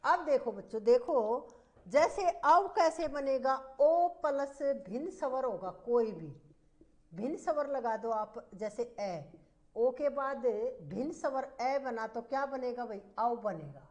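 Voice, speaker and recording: A woman teacher giving a slow, repetitive grammar lesson, asking the class questions as she explains. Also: a little high, expressive, darkish tone. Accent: Hindi.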